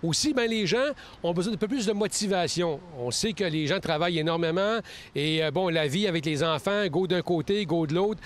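Recorded on a close-held handheld mic in a leafy park, this middle-aged Quebec man, a kinesiologist guest from Saguenay-Lac-Saint-Jean, answers casual interview questions in Quebec French. His pitch is slightly raised and his pace fairly quick. He explains earnestly, with frequent restarts.

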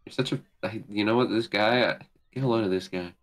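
A man's voice: lowish voice, quick pace. A man chatting casually on a game stream, teasing his friends by repeating the same joke.

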